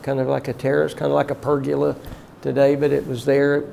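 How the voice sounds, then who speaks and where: An older man, a college teacher, reminiscing about former staff in a heartfelt, halting way, often emotional and prayerful. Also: mid-range voice, completely flat delivery, creaky, dark tone, a little hiss or hum.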